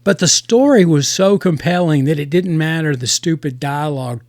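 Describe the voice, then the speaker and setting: A man hosting a casual review podcast, talking in halting starts with many restarts. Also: on the high side, a little mellow, no room sound.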